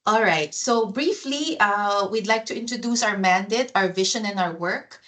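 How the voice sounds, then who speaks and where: A woman's voice: medium pitch, moderate pace, fairly bright tone. A woman HR officer hosting an online presentation over a video call, speaking with frequent fillers and restarts.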